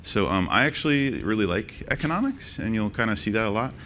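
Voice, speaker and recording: A man presenting a conference workshop, joking and quizzing the audience with quick questions. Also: lowish voice, lively intonation, fairly bright tone, a little hiss or hum. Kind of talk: interactive conference talk. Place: conference session room.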